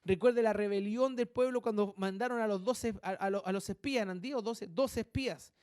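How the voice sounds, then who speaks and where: A male pastor preaching a sermon, with animated delivery and muttered asides that mimic gossip. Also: high voice, fairly quick, smooth, no room sound, studio quality.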